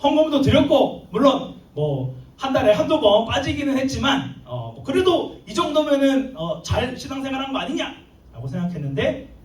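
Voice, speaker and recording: A man preaching a sermon to a youth group, talking in a lively way and acting out little scenes with comic asides. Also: extremely high pitch, normal speed. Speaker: youth pastor. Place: church hall. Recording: echoey hall, mic at a distance.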